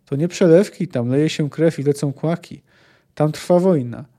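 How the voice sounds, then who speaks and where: A man reading the lines of a wounded, bitter male witcher from a novel in a flat, weary voice. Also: a little high, moderate pace, close to an everyday voice. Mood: scornful.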